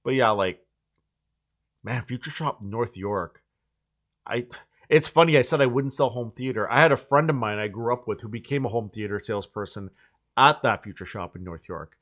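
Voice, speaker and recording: A man's voice: mid-range voice, moderate pace, a bit bright. Rambling man in his forties. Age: 40s. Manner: rambling, full of likes and restarts. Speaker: channel host. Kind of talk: casual chat.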